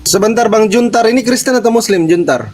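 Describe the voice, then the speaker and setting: A man's voice: high voice, expressive, a little fast, darkish tone, slight background noise. A man moderating an online debate, politely greeting each guest.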